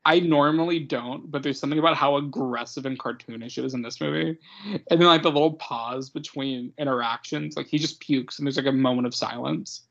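A man's voice: mid-range voice, fairly even intonation, a little fast, vocal fry, a bit bright, dull audio. A man co-hosting a podcast, talking enthusiastically with lots of laughter and casual swearing. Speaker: podcast co-host. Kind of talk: casual chat.

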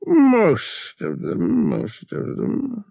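A man's voice: very high voice, huge pitch swings, very slow, vocal fry, mellow, no echo, studio quality, pitched above the performer's own voice, full character voice. A man doing O'Connor, a whiny old dealer. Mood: grudging. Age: older. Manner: pompous, theatrical pleading. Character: fussy old male antiques dealer, dramatic and whiny.

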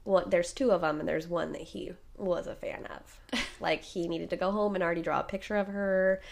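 A woman in her thirties, hoarse from being sick, co-hosting a podcast in casual chat and laughing often as she tells stories. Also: lowish voice, normal speed. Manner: chatty, laughing often, animated retellings. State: hoarse from illness. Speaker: podcast co-host.

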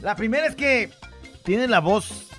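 A man's voice: high-pitched, unhurried, faint music behind. A man with a Mexican Spanish accent co-hosting a comedy show, trading playful jokes. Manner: playful, teasing, animated. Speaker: radio co-host. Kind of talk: joking banter.

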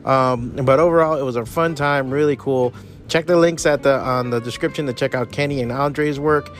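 A man's voice: mid-range voice, moderate pace, soft background music. A man speaking casually as a podcast host, giving an informal introduction.

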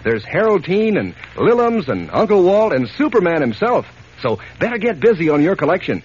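In a dull old radio recording with faint noise, an American man delivers a folksy, enthusiastic 1940s-style advertisement aimed at children. His sing-song voice is slightly rough and a little mellow, moving at a moderate pace.

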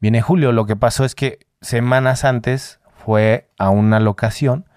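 A man in his forties sits for a podcast interview and tells animated stories about his work, now and then slipping into other people's voices. His pitch sits in the middle range, and the recording is dry and close. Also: measured pace, clean tone, no room sound. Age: 40s. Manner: animated anecdotes, mimics others with a higher voice. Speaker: actor guest. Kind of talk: casual interview storytelling.

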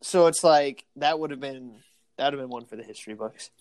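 A man co-hosting a casual sports podcast, excitable and laughing often, tired from an early morning. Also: medium pitch, brisk, dry recording. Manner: excitable, laughs often, acts out quoted exchanges. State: tired, yawning. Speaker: podcast co-host.

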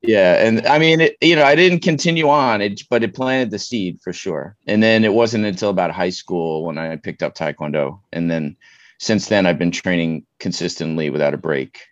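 A man's voice: deep voice, normal speed, no room sound. A middle-aged man from Queens speaks. He talks in an informal, plain-spoken way as an interview guest. The sound is dry and a little dull. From Queens, New York. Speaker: interview guest, martial arts coach. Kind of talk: casual interview conversation.

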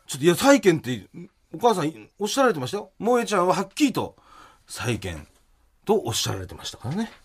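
A man co-hosting comedy radio in a studio, talking with a very lively, swooping pitch that sits a little high for a man. He plays up mock indignation in loud theatrical bursts, then drops into plain announcements. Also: quick pace, breathy edge.

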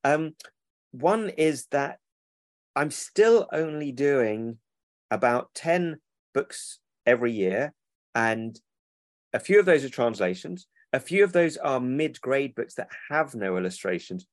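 A man's voice: mid-range voice, sing-song, takes it slowly, dry recording. A man, a children's book publisher who rambles and corrects himself in a casual interview over a remote call.

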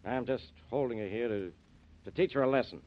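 An actor playing a gruff, blustering, suspicious male police inspector in 1940s radio-drama style, heard as an old radio show broadcast. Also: mid-range voice, brisk. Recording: dull lo-fi vintage radio recording.

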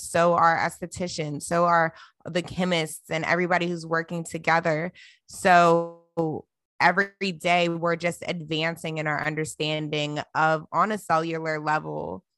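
A woman in her late twenties hosting a casual chat, talking in an animated, slangy and emphatic way. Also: low voice, no echo. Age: 20s.

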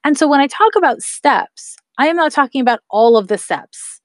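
A woman in her thirties hosts a podcast, offering casual spiritual advice and encouraging listeners she calls her loves. Her high-pitched voice is animated and at normal speed, captured in a dry, close recording with no room sound.

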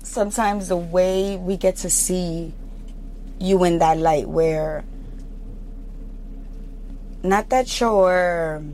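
A woman with a Brooklyn accent chatting casually, telling lively, streetwise stories. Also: on the low side, drawn-out words, pauses often, slight background noise, rough recording. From Brooklyn, New York. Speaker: actor and comedian, guest. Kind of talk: casual chat.

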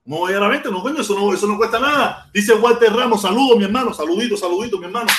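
A Cuban man with a Cuban accent hosts an informal livestream, ranting about politics and chatting with commenters in repetitive, slangy talk full of swearing. His voice is high and bright, and he speaks at a racing pace. The untreated room echoes, with slight background noise.

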